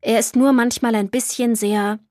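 A woman voicing a kindly, jovial old grandfather in a children's audiobook, in a warm storytelling manner. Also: a little high, steady tone, normal speed, dry recording, clean studio sound, close to an everyday voice.

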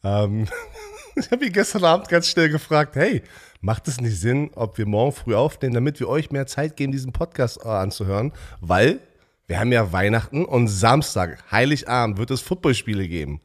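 A man's voice: medium pitch, animated, moderate pace. Congested man chatting, stuffy nose. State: has a cold. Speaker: podcast co-host. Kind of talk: casual podcast chat.

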